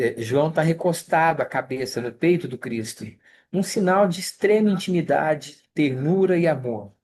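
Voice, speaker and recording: A study group leader with a Brazilian Portuguese accent teaches an online scripture class. The talk is easygoing and conversational and often pauses to check in with listeners. It is heard through a video call microphone. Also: medium pitch, a little hiss or hum.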